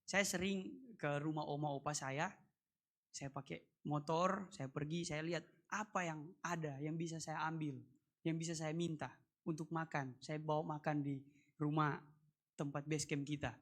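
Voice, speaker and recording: Man, pastor, from North Sulawesi, church sermon, personal testimony, animated storytelling, slightly high voice, bright forceful tone. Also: moderate pace. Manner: animated storytelling, swinging between loud emphatic preaching and quiet narration. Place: church service.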